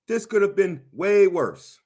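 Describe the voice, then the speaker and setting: A man giving animated, emphatic commentary and answering viewers, driving his points home with repeated phrases. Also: sits high, measured pace. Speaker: commentator on a livestream.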